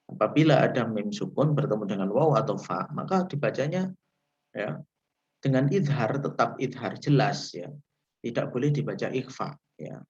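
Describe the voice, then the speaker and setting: A man from Indonesia teaching Quran recitation rules in a livestreamed lesson, patient and repetitive, saying "ya" after nearly every phrase and drawing out the recited Arabic examples slowly. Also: mid-range voice, lo-fi sound. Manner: slow, patient, repeats points with frequent "ya".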